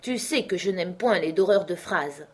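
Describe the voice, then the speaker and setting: A woman reading the part of a wealthy, blunt old gentleman who speaks in an insistent, commanding way, in a slightly husky voice. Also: fairly low pitch, expressive, normal speed. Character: wealthy old man, blunt and generous host.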